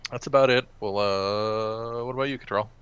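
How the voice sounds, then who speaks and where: Brief: male podcast guest or co-host, very deep, smooth voice, laid-back chat. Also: fairly even intonation, moderate pace, fairly bright tone, lo-fi sound.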